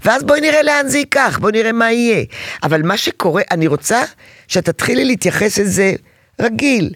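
Lively woman parenting coach, dry sound. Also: on the high side, no echo. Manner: animated, acts out parent and child voices. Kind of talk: advice talk to a parent.

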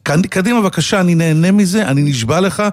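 A man's voice: high-pitched, no echo, studio quality. A man hosting a morning radio show, arguing politics in a sarcastic, mocking way. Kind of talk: heated on-air political debate.

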